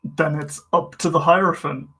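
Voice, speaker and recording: A man playing a tabletop game, chatting casually in a halting, hesitant way. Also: on the high side, fairly even intonation, pushed and bright, breathy edge.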